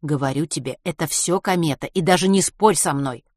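A weary, opinionated ambulance medic, as a woman narrator puts her on. She grumbles loudly and insists she is right. Lowish, dry audiobook voice. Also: fairly quick, no echo. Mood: grumbling.

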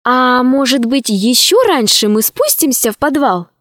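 A woman voicing a lively, determined young girl in a children's story, speaking eagerly. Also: high-pitched, unhurried, dry recording, studio quality, heavily acted.

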